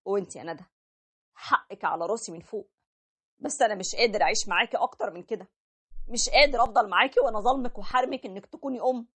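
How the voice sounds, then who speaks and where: A woman's voice: mid-range voice, very fast, fairly bright tone, husky. A woman voicing a tender, apologetic young husband who narrates his own story, with an Egyptian accent. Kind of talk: animated story voice acting.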